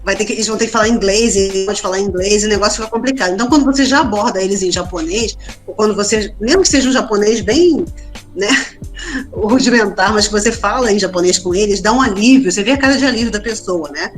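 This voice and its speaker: A woman's voice: mid-range voice, fast, faint music behind. Chatty Brazilian woman telling stories. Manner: chatty storyteller, frequent tag questions. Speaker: guest. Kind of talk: casual interview chat.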